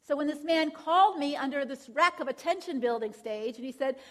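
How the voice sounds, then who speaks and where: High-voiced woman giving a counseling lecture. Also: a little fast. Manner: frequent tag questions and check-ins. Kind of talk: conversational lecture.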